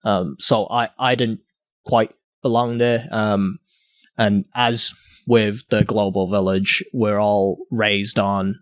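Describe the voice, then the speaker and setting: Low-voiced hesitant young man from Hong Kong. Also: fairly even intonation, slow, a bit bright, no room sound, clean studio sound. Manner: hesitant, many fillers and restarts. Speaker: guest artist. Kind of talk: casual interview.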